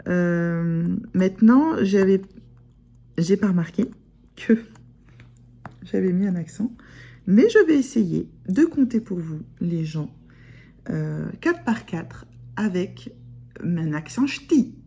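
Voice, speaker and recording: Slow and expressive, this woman speaks in a fairly low, mellow, husky voice with vocal fry and long pauses. She runs a sewing vlog and has a Picard (Ch'ti) accent from northern France. Her casual chat to camera rambles, full of fillers and restarts.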